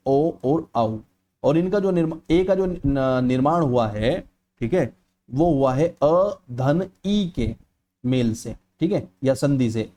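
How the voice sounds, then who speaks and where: A male teacher with a mellow, mid-range voice gives an exam-prep lecture, explaining things clearly. He keeps checking in with "ठीक है" ("okay") and stretches vowels out aloud to show how they sound.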